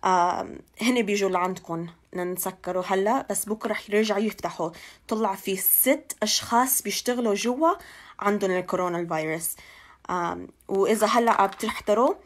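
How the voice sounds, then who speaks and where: Young woman, American-accented Levantine Arabic, mid-pitched voice, hesitant delivery, English words mixed in, informal news update, phone at arm's length indoors. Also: fast talker. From Ohio, United States. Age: young adult. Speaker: local TV channel presenter. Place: small indoor room.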